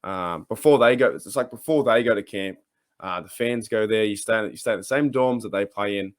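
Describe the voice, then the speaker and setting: A fairly low-pitched Australian man hosts a relaxed sports podcast, speaking in a meandering, faltering, hesitant manner; the recording has no echo.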